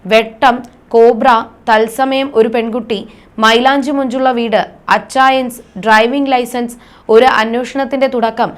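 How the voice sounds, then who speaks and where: A woman narrating a scripted news report in a formal, even read-aloud manner. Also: fairly high pitch.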